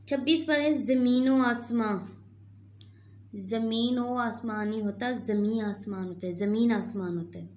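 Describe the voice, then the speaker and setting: A woman's voice: mid-range voice, reverberant, a little hiss or hum. A woman teaching a class, patiently explaining and asking her students questions. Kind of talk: classroom lesson.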